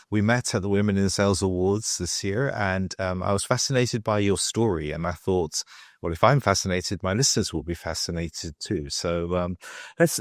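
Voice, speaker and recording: A man's voice: on the low side, no echo, clean studio sound. A man hosting a podcast interview, introducing his guest and giving short, friendly backchannels. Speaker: podcast host.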